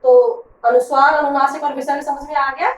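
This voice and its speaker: A woman's voice: high-pitched, steady tone, normal speed, reverberant, recorded from a distance, a little hiss or hum, low-quality recording. A woman teacher explaining grammar to pupils, patiently asking questions and answering them herself. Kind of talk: classroom grammar lesson.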